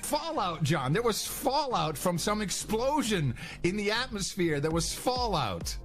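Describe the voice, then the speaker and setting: A man's voice: sits high, sing-song, measured pace, faint music behind. A male podcast host chatting casually, sarcastic and dismissive.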